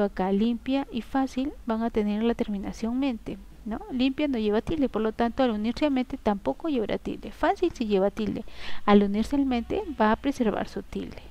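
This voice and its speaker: A woman's voice: fairly high pitch, mellow. A woman teaching a recorded grammar lesson, explaining rules step by step, asking rhetorical questions and checking in with short tags.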